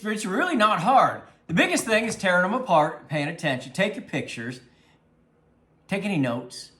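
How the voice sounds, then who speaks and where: This man's high voice sounds pushed and bright. He's a DIY channel host and product reviewer doing a folksy, relaxed hands-on demo, frequently muttering half to himself while working.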